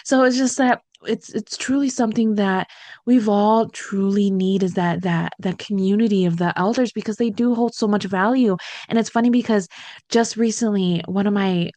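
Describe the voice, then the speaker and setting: A woman's voice: mid-range voice, normal speed, mellow, dry recording. A woman hosting a podcast interview, chatty and affirming, often asking "you know what I mean". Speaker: podcast host. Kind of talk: casual interview chat.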